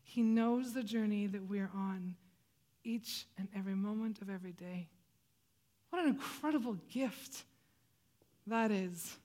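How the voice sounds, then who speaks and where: A woman preaching a sermon, reading scripture with expressive rises and hushed drops. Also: mid-range voice, measured pace, long pauses. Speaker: pastor.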